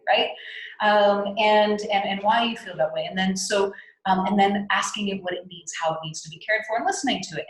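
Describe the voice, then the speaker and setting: Low-voiced woman leading a spiritual talk. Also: echoey room, low-quality recording. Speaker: spiritual workshop facilitator. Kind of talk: guided teaching on a video call. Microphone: video call.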